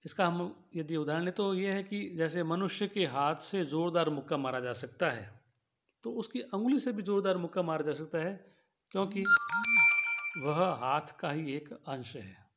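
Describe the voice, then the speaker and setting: A man with a fairly high voice lectures on logic in a measured, patient way. He circles back over each idea, rephrasing it and grounding it in plain everyday examples. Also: a little hiss or hum. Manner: explains slowly, repeats and rephrases each point with simple examples. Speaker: philosophy teacher.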